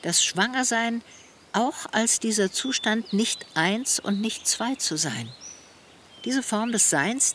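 Birds and outdoor noise are plainly audible as a reflective middle-aged woman, the lead of a radio play, recalls her life with earnest longing. Her mid-range voice is measured and articulate, carrying a very lively melody.

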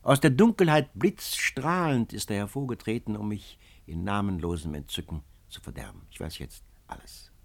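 A man's voice: lowish voice, expressive, normal speed, creaky, hardly any pauses. A man voicing a lovesick, anguished young man telling of his past with impassioned swells and drops.

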